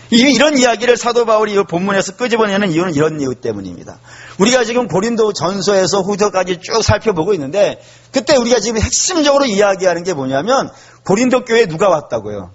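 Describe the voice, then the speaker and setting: A male pastor delivers an animated sermon in church. His voice sits high and slightly husky, and he swings his pitch widely as he throws questions to the congregation. The recording is dull and lo-fi.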